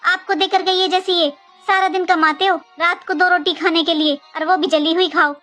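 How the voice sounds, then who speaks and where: A woman playing a middle-aged mother-in-law talks a lot in a very high voice. She scolds and lectures in a home comedy skit, and faint music runs behind her. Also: fairly even intonation, moderate pace, pushed and bright. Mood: complaining. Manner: scolding, talkative. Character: middle-aged mother-in-law, sharp-tongued but caring.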